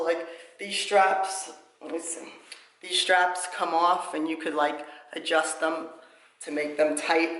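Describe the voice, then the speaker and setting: A chatty woman walks through a how-to demonstration in a relaxed vlog, explaining every step as she goes. Her voice carries a roomy echo from the space around her. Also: lowish voice. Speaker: vlogger. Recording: roomy echoey room.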